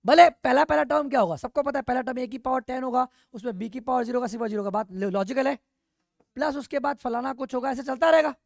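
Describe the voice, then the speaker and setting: Male coaching-class math teacher, animated, quizzing the room, dry close sound. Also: very high voice, fast, vocal fry, no room sound. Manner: animated, peppered with rhetorical questions. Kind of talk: classroom lecture. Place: classroom with online students.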